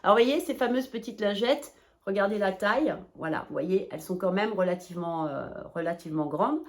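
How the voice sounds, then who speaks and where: A chatty woman talking straight to her viewers in a shopping haul video. She sounds bubbly and excitable at a mid-range pitch. She rambles happily and tosses in playful exclamations. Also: brisk. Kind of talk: casual haul video chat.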